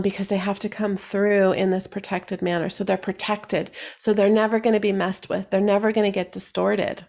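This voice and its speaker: Gravelly-voiced woman teaching energy healing. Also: mid-range voice. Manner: rambling, many fillers and restarts. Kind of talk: casual solo talk to camera.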